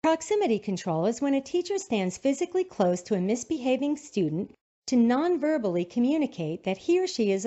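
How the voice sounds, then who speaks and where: A woman narrating an educational video in a calm, instructive scripted manner. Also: on the high side. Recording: dull lo-fi sound.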